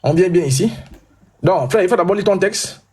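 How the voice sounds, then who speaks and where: A man hosting a heated live debate, talking loudly and insistently and repeating himself. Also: high-pitched, lively intonation, normal speed, slight background noise.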